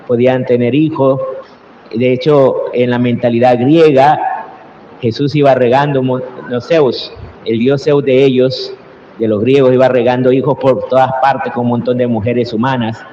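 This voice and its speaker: A priest preaching a slow, earnest Sunday homily, his voice rising into cried-out prayers, recorded in a large church. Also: medium pitch, warm tone, highs cut off, slight background noise. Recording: roomy church reverb with faint ambience.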